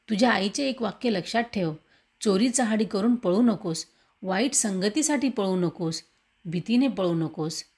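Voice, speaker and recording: A woman's voice: medium pitch, a little mellow. A woman voicing a tender, loving mother who reassures her son earnestly, read as a storybook. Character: gentle loving mother, middle-aged.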